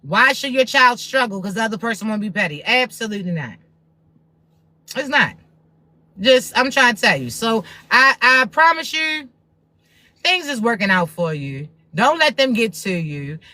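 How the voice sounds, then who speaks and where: A woman's voice: fairly high pitch, sing-song, moderate pace, sharp tone. A woman spiritual reader giving a blunt, profane, preachy pep talk to viewers on a livestream.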